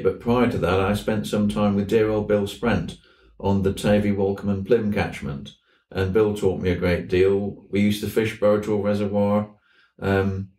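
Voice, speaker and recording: Recorded indoors at a tackle shop, this interview features a seventies-aged fly fishing instructor from southwest England looking back on old times. He speaks in a warm, deep-ish voice at an unhurried raconteur's pace. Echo fills the room, and the slightly distant mic makes it sound roomy.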